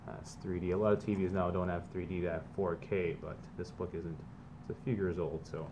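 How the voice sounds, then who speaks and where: A man with a deep voice reads briskly and flatly from a children's book, acting as a teacher who mixes emphatic, sing-song lines with casual explanations for students. Background noise is clear in the recording.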